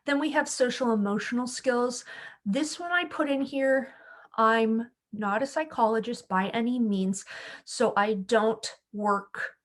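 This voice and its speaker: A young adult woman, a school speech-language pathologist, explaining a form step by step in a friendly, steady way. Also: on the high side, unhurried. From California. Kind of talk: screen-share tech tutorial.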